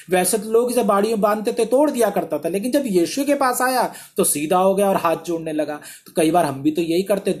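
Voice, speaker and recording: A man's voice: high voice, a little mellow. A male pastor preaching a sermon in an emphatic, exhortative way, asking many rhetorical questions.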